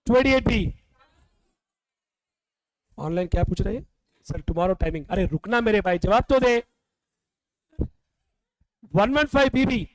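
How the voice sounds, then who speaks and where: Male classroom tutor from India, high voice, unhurried drilling delivery, teasing scolds. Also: lively intonation, no room sound, rough recording. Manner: scolding, quizzing students, calling them beta. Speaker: teacher. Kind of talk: classroom revision lecture.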